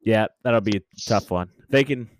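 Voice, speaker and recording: A man's voice: lowish voice, normal speed, no room sound, studio quality. A man co-hosting a casual sports chat, easygoing and loose, often restarting his sentences. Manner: easygoing, hesitant restarts, laughs along. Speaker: sports podcast co-host.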